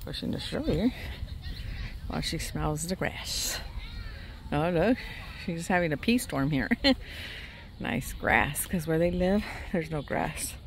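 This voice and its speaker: A woman's voice: deep voice, animated, slow pace, pauses often. An older woman vlogging on a walk through a park, chatting casually, slightly out of breath, and talking to her dog in baby talk. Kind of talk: casual walking vlog. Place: outdoors in a park, walking. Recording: outdoor phone audio with background noise.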